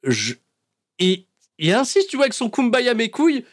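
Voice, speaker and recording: A man hosting a podcast, recapping in a casual, animated storytelling way and laughing often between fillers. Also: very high voice, normal speed. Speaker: podcast host recapping wrestling episodes.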